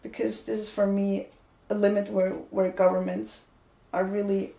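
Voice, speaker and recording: Recorded in an echoey room, this earnest, opinionated podcast co-host in her 20s keeps restarting as she talks through a casual discussion. Her mellow, medium-pitched voice has vocal fry, little pitch movement and a normal speed.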